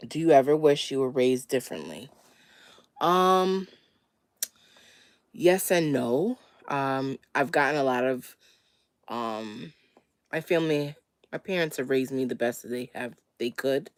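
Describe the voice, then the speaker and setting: A woman's voice: very deep voice, animated, unhurried, pauses often, dry recording, clean studio sound. A slightly wheezy woman getting over a cold, chatting casually as she hosts a question-and-answer livestream in a laid-back manner. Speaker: livestream host.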